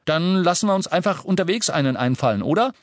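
A man's voice: high voice, big pitch swings, fast talker, dry recording, voice pushed up. A man voicing a cheeky, joking young man in an audiobook. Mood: breezy.

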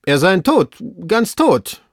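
A man reading aloud, voicing a fearful male servant calling down from high in a tree in broken, drawn-out speech. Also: big pitch swings, no echo, clean studio sound, exaggerated voice. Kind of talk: audiobook reading.

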